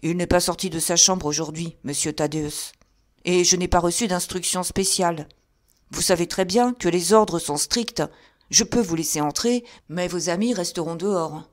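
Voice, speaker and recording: A blunt, stubborn doorkeeper and former boxer, put on by a woman reading an audiobook. He speaks firmly and loudly in a lowish voice, hearty once won over. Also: moderate pace, natural voice. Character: gruff stocky male doorkeeper, former boxer.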